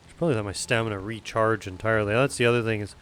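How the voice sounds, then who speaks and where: A man's voice: lowish voice, steady tone, racing, noisy background. A man chatting casually while streaming a game, rambling and poking fun at himself. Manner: chatty, self-deprecating. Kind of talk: casual gaming chat.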